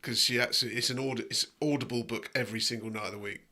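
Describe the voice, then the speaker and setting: Middle-aged man from England, bright clear voice, teasing and chatty, quick with jokes. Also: mid-range voice, fairly even intonation. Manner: chatty, teasing, jokey asides. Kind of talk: casual chat.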